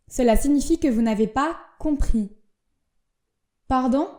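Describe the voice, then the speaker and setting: A woman's voice: on the high side, warm tone. A woman teaching French to beginners, speaking carefully and acting out the intonation of example phrases. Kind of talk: slow, clear language lesson.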